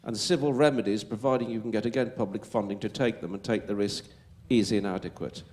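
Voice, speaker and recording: A man's voice: on the low side, fairly even intonation, quick pace, a little mellow. A man with a Wolverhampton accent answering as a panel speaker at a public Q&A, emphatic and stumbling over repeated words.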